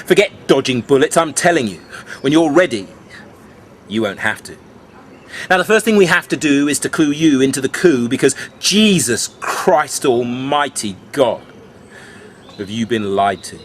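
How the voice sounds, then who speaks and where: A man performing rhyming beat poetry in a cool beatnik manner, with dramatic, drawn-out phrasing, speaking to the listener like a conspiratorial mentor. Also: medium pitch, animated, a little hiss or hum. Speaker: spoken-word poet.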